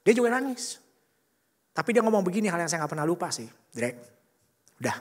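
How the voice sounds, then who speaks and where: A man's voice: sits high, quick pace. A man, telling a colloquial, emotional personal testimony in a church service. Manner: animated emotional storytelling, acting out quotes, colloquial. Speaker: church speaker giving a testimony. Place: church hall. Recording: reverberant church hall.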